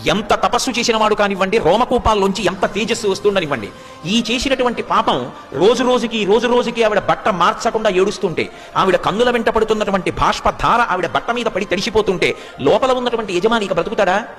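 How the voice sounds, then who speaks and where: A man's voice: high-pitched, fast, a bit bright, in a large hall, faint music behind. A man giving a devotional storytelling discourse with fervent rhetorical questions and chanted verses. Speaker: religious discourse speaker.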